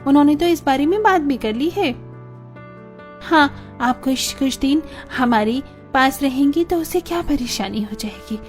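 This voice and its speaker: A woman voicing a group of emotional young married daughters in an animated story, pleading and tearful by turns. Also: high-pitched, unhurried, faint music behind, voice pushed up. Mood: reassuring.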